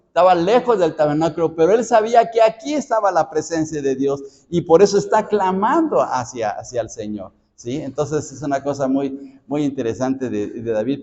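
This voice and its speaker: A man with a Mexican accent leads a Bible study as pastor, talking conversationally and often checking in with the congregation. His voice sits a little high. The recording is dull and carries a long hall reverb. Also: a little mellow. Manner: conversational, asks the congregation "¿sí?" often, repeats words.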